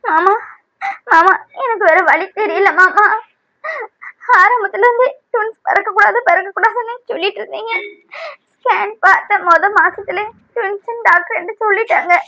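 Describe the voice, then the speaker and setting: A woman's voice: very high voice, pushed and bright, no echo, heavily acted, low-quality recording. A woman voicing a tearful young mother of newborn twins who speaks tenderly and pleads in a cartoon serial.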